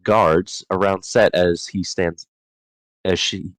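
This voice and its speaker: A man's voice: sits low, fairly even intonation, takes it slowly, no echo, low-quality recording. A man hosting a casual book discussion, reading chapter summaries from his notes and often stumbling and correcting himself.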